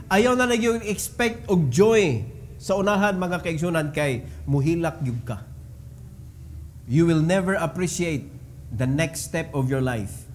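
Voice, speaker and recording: High-voiced Filipino pastor preaching slowly. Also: male voice. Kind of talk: sermon.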